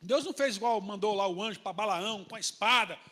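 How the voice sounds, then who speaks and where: A male pastor with a Brazilian accent, preaching a sermon in a colloquial, animated storytelling way. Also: high-pitched, fast talker, long reverb tail. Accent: Brazilian Portuguese.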